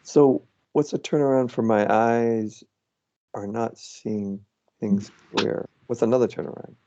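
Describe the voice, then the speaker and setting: A man guiding someone through self-inquiry on a video call, speaking calmly and patiently and thinking aloud. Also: medium pitch, unhurried. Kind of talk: slow reflective coaching on a video call. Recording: muffled lo-fi video call audio.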